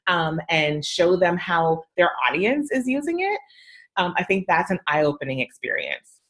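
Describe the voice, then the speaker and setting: A middle-aged woman with a slightly low-pitched voice, chatting in a relaxed podcast conversation. She talks emphatically and leans on fillers like "um" and "you know". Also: a little slow. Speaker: podcast guest, PR and social media adviser.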